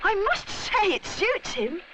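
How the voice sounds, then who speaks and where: A woman's voice: very high voice, big pitch swings, slow pace, noisy background, voice pushed up, exaggerated voice. A woman voicing an eager, kind and curious young boy bear for a children's cartoon story, earnest and full of exclamation.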